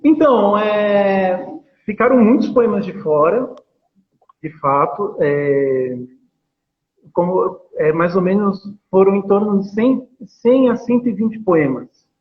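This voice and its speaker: Paulistano man, high voice, tinny call. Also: slow. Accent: Paulistano Brazilian Portuguese. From São Paulo, Brazil. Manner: hesitant, many fillers and tag questions. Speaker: poet being interviewed. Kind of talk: casual interview over a video call. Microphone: video call. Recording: tinny phone-like call audio.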